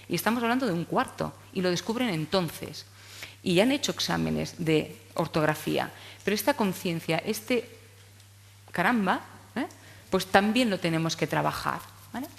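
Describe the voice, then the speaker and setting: A woman's voice: medium pitch, vocal fry. A woman from giving a talk on speech therapy to teachers, explaining step by step and checking in often with "¿vale?" and "¿eh?". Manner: explanatory, frequent tag questions. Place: conference hall. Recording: long hall reverb.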